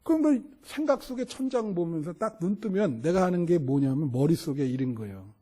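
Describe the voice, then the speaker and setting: A middle-aged male pastor preaching a sermon, asking the congregation questions, acting out the people in the story and dropping to hushed prayers. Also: on the high side, lively intonation, brisk. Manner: preaching with sharp swings from loud exclamations to hushed murmured prayers.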